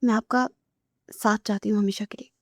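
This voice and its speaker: A woman's voice: mid-range voice, fairly even intonation, dry recording, studio quality, lightly acted. A woman voicing a remorseful young woman in a novel reading, pleading with a breaking voice.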